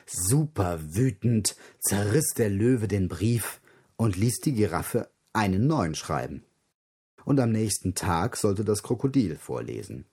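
A male storyteller reading a children's story aloud at a very slow, deliberate pace. His voice is gravelly and husky, and his pitch moves in a lively, expressive way. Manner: slow, expressive, with dramatic whispers.

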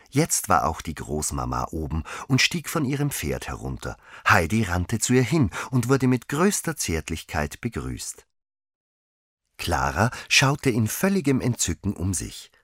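A man reading a children's story aloud as narrator, with expressive, lively storytelling. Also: low voice, unhurried, breathy edge, no room sound, studio quality.

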